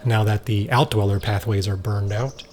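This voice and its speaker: Playing a stern, self-controlled scientist in an audio drama, a man delivers his lines in a blunt, clinical, matter-of-fact and firm way. His natural voice is lowish and a little mellow, with fairly even intonation and a normal speed, over faint background noise.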